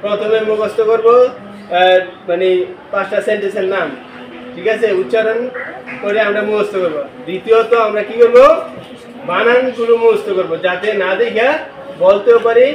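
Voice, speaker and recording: A man's voice: high voice, steady tone, normal speed, a little hiss or hum. A male teacher leading a classroom lesson, questioning the class and spelling words letter by letter. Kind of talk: classroom lecture with call-and-response. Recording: echoey classroom from a distance.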